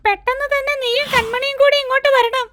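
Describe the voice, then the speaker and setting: An actor voicing Pappu, an excitable and dramatic young male cartoon character who exclaims and frets loudly. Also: very high voice, fast. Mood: excited. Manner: exclaiming, fretful and loud. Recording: loud background noise.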